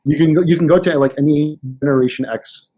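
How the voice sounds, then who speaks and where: A man in casual podcast chat, telling anecdotes with animated restarts. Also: a little high, fast talker, poor audio. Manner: storytelling, animated, many restarts. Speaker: podcast guest.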